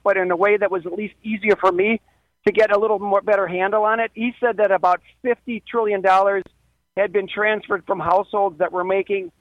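A high-pitched man speaks through a dull, lo-fi phone connection, his voice dry and close. He stumbles a little with fillers and restarts as he talks. He sounds like a caller to a radio talk show. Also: dry recording. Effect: phone line. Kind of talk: casual call-in chat. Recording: muffled lo-fi phone call.

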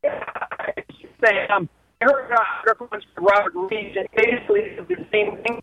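A man's voice: high-pitched, fairly quick, a bit bright, no echo. A man calling in to a radio talk show over a phone line, speaking hesitantly with fillers and restarts. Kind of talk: casual call-in chat. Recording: muffled lo-fi phone call.

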